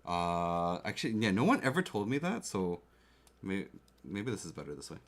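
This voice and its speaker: A man with a low, sing-song voice talks at a normal speed while livestreaming a keyboard build, chatting casually and checking in with viewers. His desk mic sits close to the keyboard, and faint clicks and typing can be heard in the background.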